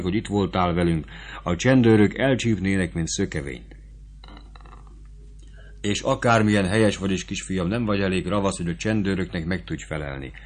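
A man's voice: lowish voice, darkish tone, close to an everyday voice. A man voicing a shrewd, bossy army sutler woman who lectures a young soldier in an audiobook. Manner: scolding, rapid motherly advice. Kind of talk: audiobook character voice.

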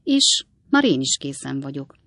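A woman's voice: very deep voice, big pitch swings, fairly bright tone, no echo, studio quality, exaggerated voice. A woman doing a cheeky young boy. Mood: pert.

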